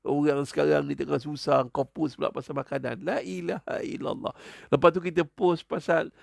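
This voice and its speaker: A man's voice: on the high side, brisk, creaky, dry recording, clean studio sound. A male preacher gives a humorous religious talk, joking and chuckling between his points. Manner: joking, chuckles often, animated asides.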